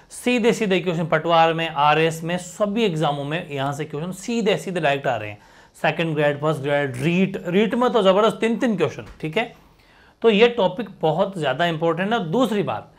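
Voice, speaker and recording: A man teaching an exam-prep grammar lesson, emphatic and repeating key words. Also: sits high.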